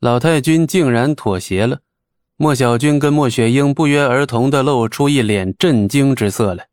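Male audiobook narrator, mid pitch, steady and even, dry close recording. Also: normal speed, dry recording.

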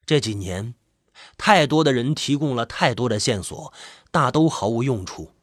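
Husky man narrating a suspense story. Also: medium pitch, expressive, normal speed, a bit bright, no echo, clean studio sound.

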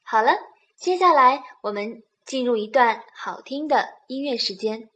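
A woman hosting a children's program, telling a bedtime story in a soft, slow, soothing way. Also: fairly high pitch, lively intonation.

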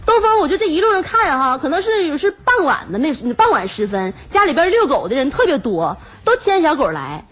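A woman's voice: high-pitched, sing-song, a little fast, few pauses. A young woman with a Northeastern Chinese accent hosting a comic radio chat show, chatty and laughing at her own jokes. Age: young adult. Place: radio studio. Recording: dull lo-fi radio broadcast with hiss.

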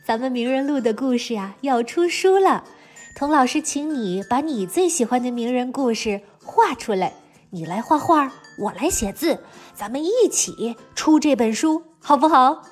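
A woman's voice: sits high, lively intonation, normal speed, faint music behind. A woman hosting a children's lesson, telling stories as if reading to a young child, with exaggerated emphasis and frequent questions. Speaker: children's teacher and storytelling show host. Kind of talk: animated storytelling for young children.

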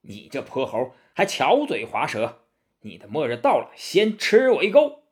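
A man voicing a furious, vengeful male immortal in a storybook tale, shouting with menace. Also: mid-range voice, big pitch swings, normal speed, natural voice. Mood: enraged.

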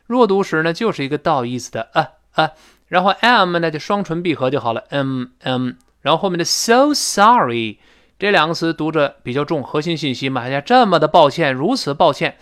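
A male English teacher walks through intonation in an audio lesson, demonstrating each sound himself. His voice sits a little high and swings widely in pitch. The tone is smooth and resonant. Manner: lively explanatory teacher who demonstrates the sounds he describes.

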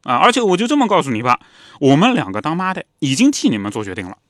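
A man voicing an anxious aristocratic mother who nags her grown son to marry fast. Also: on the high side, big pitch swings, a bit bright, no echo, studio quality, pitched above the performer's own voice. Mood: insistent. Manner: nagging, insistent.

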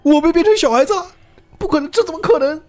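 A man voicing a young man turned into a child, shouting in bewildered alarm. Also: high-pitched, wildly swooping pitch, quick pace, slightly rough, soft background music, pitched above the performer's own voice, heavily acted.

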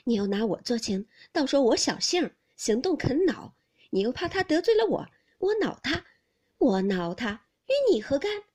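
A woman's voice: lively intonation, a little slow, long pauses. Woman voicing a touchy, tearful young noblewoman. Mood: reproachful. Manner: reproachful, pitch climbs steeply.

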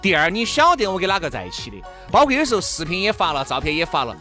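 Lively, bright Sichuanese man co-hosting. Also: high-pitched, fast, soft background music. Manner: playful, bantering. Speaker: co-host. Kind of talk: casual comic chat show.

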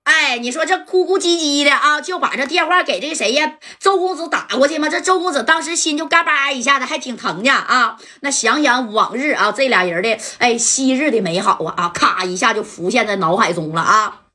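A woman, telling a story casually in lively, colloquial speech full of sound-effect words. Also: high voice, brisk, hardly any pauses.

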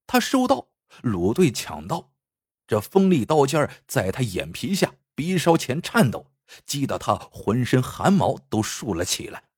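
A man's voice: mid-range voice, very animated, unhurried, breathy edge, no room sound. A man narrating a dramatic story expressively, acting out the scenes close to the mic.

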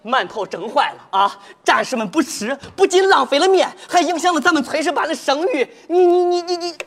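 A man's voice: very high-pitched, expressive, a little fast, a bit bright, full character voice. A man playing an eager, boastful young army cook, speaking in a with folksy, exaggerated exclamations in a stage comedy sketch. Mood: excited, scolding. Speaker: cook soldier.

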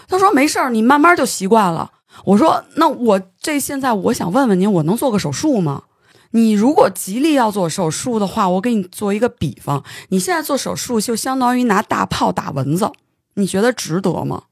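A podcast host, telling a story in casual studio chat, animated and stumbling over words when excited. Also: medium pitch, brisk, husky, no echo.

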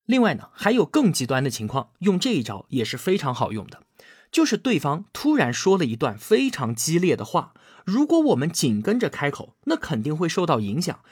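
A man's voice: a little high, huge pitch swings, a little mellow, breathy edge, dry recording, studio quality. A man narrating a scripted book explanation, often drawing out filler particles and acting out quoted lines. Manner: frequent drawn-out filler particles.

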